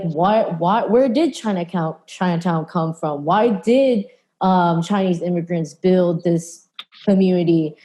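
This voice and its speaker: Earnest woman, mellow lowish voice. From California, USA. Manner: earnest, many fillers and restarts. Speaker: photographer in a panel talk. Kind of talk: conversational panel discussion.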